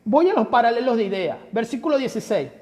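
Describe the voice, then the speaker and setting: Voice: mid-range voice, very animated, quick pace, a little mellow. Emphatic Bible teacher in a reverberant hall. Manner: emphatic, rhetorical questions, addresses listeners as brother. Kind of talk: Bible study lecture.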